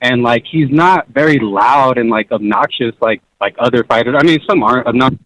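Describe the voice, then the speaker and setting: A man's voice: mid-range voice, brisk, fairly bright tone. A man calling in to a live show, his voice muffled as if heard through a wall. He talks casually, rambling with lots of "like" and "man". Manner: loose and rambling, full of "like" and "man". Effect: muffled phone voice, as if heard through a wall. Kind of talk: casual call-in chat. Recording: dull muffled phone line.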